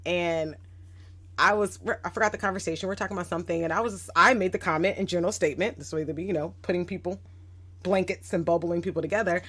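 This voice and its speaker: On a casual podcast, a woman in her thirties who works as an educator tells stories as a guest, talking fast in a husky, lowish voice. Mostly reflective, she livens up when she quotes someone.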